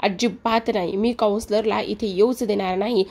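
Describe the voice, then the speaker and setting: A woman's voice: mid-range voice, steady tone, normal speed, darkish tone, natural voice. A woman reading the lines of a panicked middle-aged aunt who keeps repeating her frantic protests.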